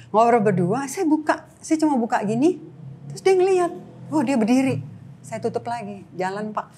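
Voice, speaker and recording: A middle-aged woman giving an emotional personal testimony in an interview, telling her story with animated acted-out dialogue. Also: a little high, a little hiss or hum.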